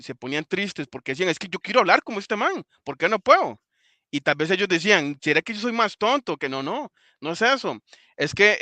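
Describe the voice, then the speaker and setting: Emphatic man with a bright voice. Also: on the high side, clear, resonant tone, dry recording. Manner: emphatic, repeats points for stress. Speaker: English teacher and host. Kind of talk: live class talk.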